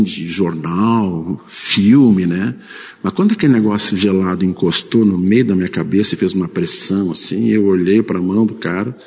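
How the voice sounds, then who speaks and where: A man's voice: low-pitched, darkish tone, big-room sound. A man preaching a sermon, telling a personal story in a conversational way with frequent tag questions.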